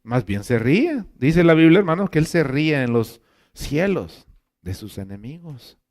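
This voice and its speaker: A male pastor with a fairly high voice preaches a fervent sermon. He swings between loud, drawn-out exclamations and soft asides, and keeps turning to his listeners as brothers. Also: very animated.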